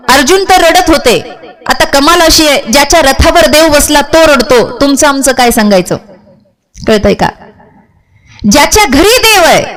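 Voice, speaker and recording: A woman's voice: sits high, fairly bright tone, low-quality recording. A woman kirtan preacher delivering a devotional sermon, telling stories and putting questions straight to her listeners. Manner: questions the audience directly, storytelling.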